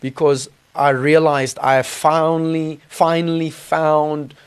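A man's voice: a little high, flat delivery, takes it slowly, clean tone. A man with a South African accent giving a personal testimony in an informal, earnest, conversational way with colloquial slang. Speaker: podcast guest telling his testimony. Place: small studio.

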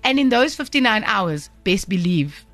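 A woman's voice: mid-range voice, big pitch swings, moderate pace, a bit bright, no room sound, faint music behind. A South African woman co-hosting radio, giving emphatic opinions casually and switching between two languages. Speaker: radio show co-host.

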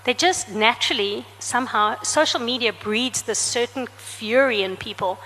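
A woman from South Africa, her voice slightly rough, reads at a moderate pace from her comic novel during a book talk. She voices each character's lines differently by varying pitch and loudness, and the reverberant hall echoes around her.

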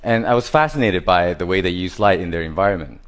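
A man's voice: low-pitched, fast talker, clear, resonant tone. A man from Taiwan, giving a prepared stage talk about his art in simple, listing phrases with grammar.

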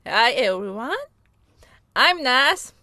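A woman from Iran whose first language is Persian, a guest in casual chat, speaking halting second-language English and laughing often. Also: a little high, big pitch swings, bright, forceful tone, dry recording.

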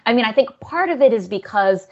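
A woman's voice: a little high, expressive, brisk, darkish tone, highs cut off. A woman novelist from Singapore answering interview questions in a thoughtful, conversational way, with frequent fillers and light laughs.

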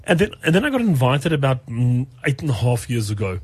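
A radio presenter and podcast host tells a personal story in casual conversation, speaking a little fast in a mid-range, slightly rough voice. He's an animated storyteller who acts out other people's lines and restarts his sentences many times.

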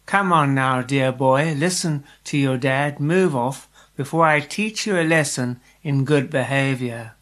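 A man's voice: mid-range voice, unhurried, hardly any pauses, a bit bright, close to an everyday voice. A man voicing a stern old female hippo who talks in a formal, scolding way in a storybook tale.

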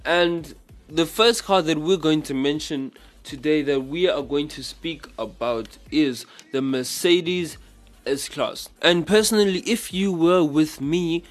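This South African radio DJ hosts a casual chat show, rambling along and second-guessing himself mid-sentence. His voice is fairly high-pitched.

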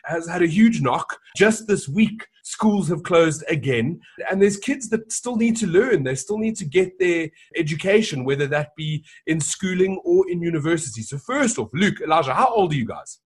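Man, podcast host, eager and bright-toned, a little breathy. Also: on the high side, lively intonation, moderate pace, few pauses. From South Africa. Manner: upbeat and enthusiastic. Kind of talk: podcast interview.

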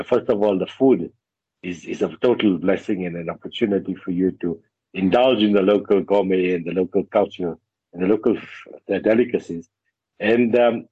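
A husky, fairly low-voiced man with a South African Indian accent speaks as a radio guest. He is deliberate and builds on repeated phrases, heard dry over a dull link. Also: no room sound. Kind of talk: conversational radio interview.

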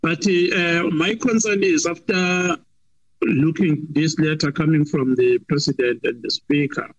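A man's voice: a little high, steady tone, unhurried, dull audio. A man speaking formally in a committee meeting, his voice breaking up over a poor remote call connection as he checks whether he can be heard. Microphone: remote call line.

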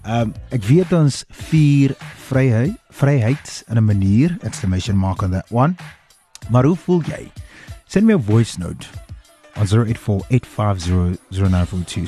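A man's voice: fairly low pitch, dark tone. A man with a South African accent presenting a radio talk show conversationally, switching between English and Afrikaans. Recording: music bed behind voice. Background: background music.

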